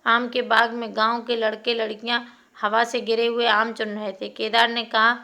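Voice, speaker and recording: Woman storyteller, expressive story reading, fairly high, bright tone. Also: normal speed. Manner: steady, expressive narration. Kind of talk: reading a classic short story aloud.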